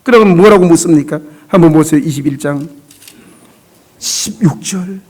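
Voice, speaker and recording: A middle-aged man preaching a revival sermon as a pastor in a church, emotional and conversational, sometimes dropping to a hush. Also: on the high side, normal speed. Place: church sanctuary.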